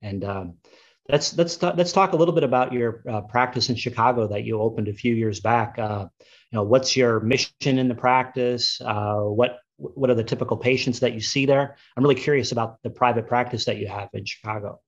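A man's voice: medium pitch, highs cut off. A man hosting an interview show, introducing his guest and asking her questions with occasional fillers. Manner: friendly, measured interviewer with fillers. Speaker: podcast host.

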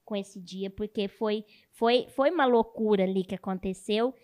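A woman's voice: mid-range voice, moderate pace, a little mellow. A young woman guest in a casual interview, telling a story with energy and adding little tag questions. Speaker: guest, content creator.

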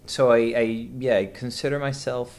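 Here a Venezuelan podcast guest in his thirties makes casual, hesitant conversation, frequently restarting and using fillers. His voice is medium-pitched at a moderate pace.

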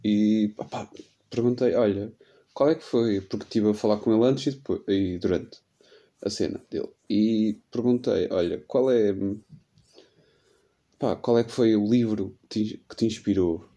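A man in his late twenties speaks with a European Portuguese accent on a casual solo podcast. He rambles through his stories with slang and self-mockery, sounding a bit under the weather. His voice sits fairly low, with a dark, mellow tone. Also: moderate pace, dull audio. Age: 20s. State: sick with a cold. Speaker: podcast host.

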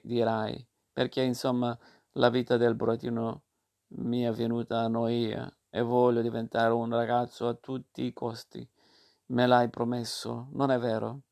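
A man's voice: medium pitch, vocal fry, darkish tone. A man reading aloud and voicing a naughty wooden puppet boy who pleads and promises eagerly to change. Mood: earnest.

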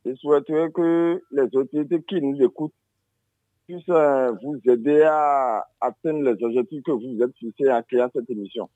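A man's voice: mid-range voice, moderate pace, mellow, dry recording. A man calling in to a radio show by phone, formal and courteous as he offers his wishes. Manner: formal, courteous well-wishing. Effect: phone call line. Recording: dull phone line.

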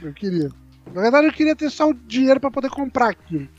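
A man's voice: extremely high pitch, sing-song, quick pace, highs cut off, faint music behind. A man co-hosting a casual podcast from a remote mic, talking in a scattered, self-mocking way. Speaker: podcast co-host. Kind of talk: casual chat. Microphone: remote mic with the signal fading.

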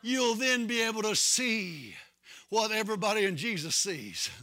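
A man preaching a sermon, impassioned and shouting at the peaks in a sing-song preaching cadence. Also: high-pitched, expressive, moderate pace, vocal fry, no echo.

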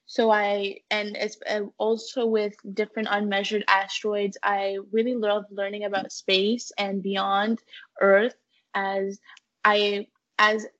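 A young woman in her teens to young adulthood, born in the United States and living in Canada, appears as a student intern guest in a conversational interview. She earnestly answers questions in a medium-pitched, level, fairly bright voice, speaking slowly, and the recording sounds lo-fi.

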